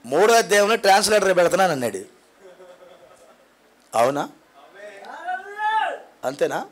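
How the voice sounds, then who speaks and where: A male pastor preaching a Sunday sermon in a church prayer hall. He tells stories dramatically, dropping to hushed asides and climbing to loud repeated cries. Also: high voice, big pitch swings, moderate pace. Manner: repeats phrases in climbing builds.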